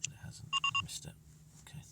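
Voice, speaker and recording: A gamer gives fairly quick, casual commentary on his own play, muttering to himself and often trailing into near-whispers. The very noisy audio comes from a distant mic with music playing.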